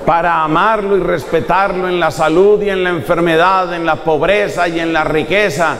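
Male preacher, lively and humorous, fairly high voice, long echo of a church hall. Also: moderate pace, some chatter behind, a little hiss or hum. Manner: animated, humorous, acting out examples. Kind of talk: sermon.

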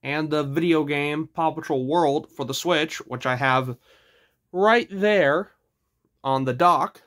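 A man's voice: fairly high pitch, slow, a bit bright. A man casually reviewing a DVD for his channel, chatty and eager as he points out what he is showing.

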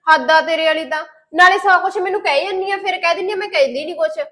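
A woman's voice: extremely high pitch, quick pace, pushed and bright. A woman playing a scheming young sister-in-law who quarrels and taunts in a melodramatic short film. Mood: quarrelsome.

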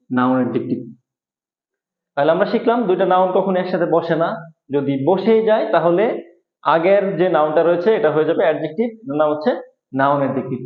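A man with a fairly high voice teaching a grammar lesson, explaining step by step and repeating each rule. His voice comes through a thin, phone-like band in an echoey room. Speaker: English teacher.

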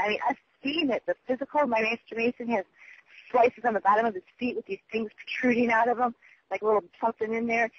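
High-pitched man rambling on a voicemail. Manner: rambling, halting, often losing the thread, swearing. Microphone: phone. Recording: dull lo-fi telephone voicemail recording.

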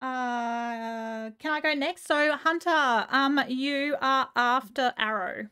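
Gushing high-voiced woman live streamer. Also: takes it slowly, pushed and bright, smooth. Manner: gushing, chatty, reads chat aloud. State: voice going a little hoarse. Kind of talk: casual live-stream chat.

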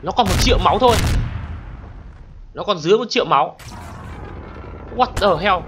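Narrating gameplay at a moderate pace, a high-voiced man hosting a gaming channel sounds thoroughly excitable. He exclaims frequently and speaks to his viewers constantly as game explosions and gunfire rumble underneath.

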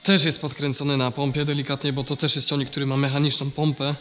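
A man's voice: mid-range voice, little pitch movement, quick pace, fairly bright tone, soft background music. A man with a nasal, congested voice from a blocked nose, explaining farm machinery in a casual, hesitant vlog style. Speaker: vlogger.

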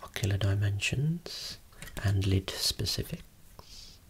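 A voice whispering slowly and softly, showing eye-clinic equipment as an ASMR role-play optometrist. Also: sits low, lively intonation. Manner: soft unvoiced whispering, explaining slowly.

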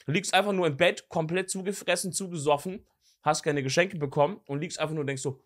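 A young man co-hosting a podcast in casual chat, telling stories in slangy, animated talk. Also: on the high side, a little fast, no echo, clean studio sound. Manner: animated storyteller, slangy, imitates voices. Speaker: podcast co-host. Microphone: studio podcast mic.

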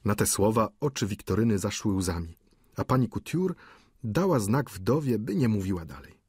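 A man narrating a classic novel as an audiobook, reading in a steady, measured way. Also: fairly low pitch, slightly rough, no room sound, clean studio sound. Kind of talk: scripted literary narration.

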